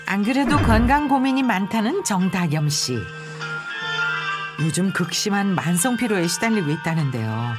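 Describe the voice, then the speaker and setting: A woman narrating a TV documentary in a scripted, expressive and sing-song way. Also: mid-range voice, normal speed. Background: loud background music.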